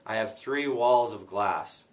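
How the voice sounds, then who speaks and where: A guest reader goes through a children's book at an easy, unhurried pace, his low voice plain and unperformed. Occasionally he pauses to reread a line he stumbled over.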